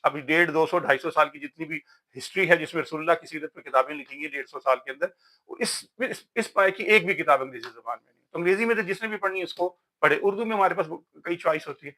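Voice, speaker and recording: This man's voice is fairly high-pitched with a sharp tone. He's a Pakistani vlogger giving a relaxed yet forceful, somewhat preachy talk on books, dropping "yaar" often.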